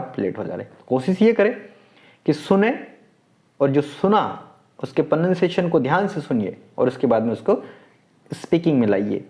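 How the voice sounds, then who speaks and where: A man's voice: medium pitch, dark tone. A man giving a step-by-step spoken lesson, encouraging and repeating key words over and over. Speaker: English-speaking teacher. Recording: dull lo-fi sound.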